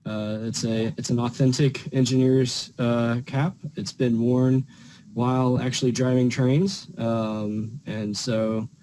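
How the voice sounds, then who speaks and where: A man's voice: medium pitch, level tone, slow, mellow, rough recording. A man in a casual online video chat, speaking hesitantly with many fillers.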